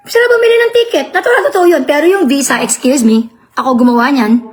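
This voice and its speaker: A woman concert promoter on a live stream, telling her side of a dispute in an indignant, defensive way, often asking for agreement. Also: fast talker. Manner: animated storytelling, shifting pitch often.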